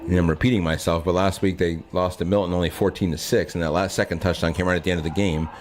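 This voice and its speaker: Low-voiced man calling live football. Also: fairly even intonation, fast talker, a little mellow. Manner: conversational, corrects himself aloud. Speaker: play-by-play football announcer. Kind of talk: live high school football play-by-play commentary. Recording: noisy live outdoor field broadcast.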